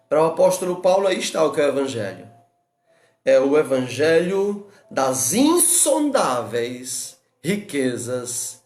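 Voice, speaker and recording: A man's voice: on the high side, echoey room. A man with a Brazilian Portuguese accent, a pastor giving an earnest expository Bible study, asking rhetorical questions and repeating his exhortations.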